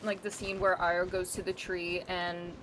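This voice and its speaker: A woman chatting casually with friends on a group call, quick to laugh. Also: fairly low pitch, little pitch movement, noisy background. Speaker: podcast co-host. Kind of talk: casual chat.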